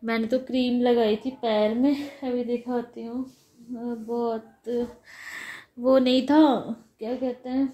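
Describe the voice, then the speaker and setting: Unwell woman vlogger, soft weary chat, flat monotone delivery. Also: fairly high pitch, slow pace, lo-fi sound. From India. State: sick, recovering from fever. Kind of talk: casual vlog chat. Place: lying in bed at home under a blanket.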